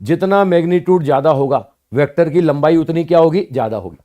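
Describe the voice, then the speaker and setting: A man teaching physics to students, explaining slowly and repeating points, often asking rhetorical questions and answering them himself. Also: fairly high pitch, warm tone. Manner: addresses students as "bhaiya" and "sahab". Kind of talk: classroom lecture.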